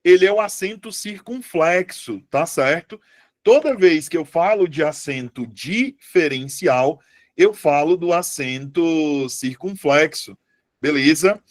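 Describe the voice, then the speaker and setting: A man teaching a live online Portuguese lesson, chatty and lively, often putting questions to his students. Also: on the high side, takes it slowly, dry recording, clean studio sound.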